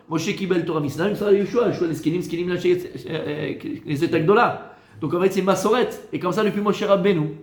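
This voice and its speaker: A man, a rabbi, giving a Torah lesson in a lively way, teasing his listeners with joking asides. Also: high voice, roomy sound.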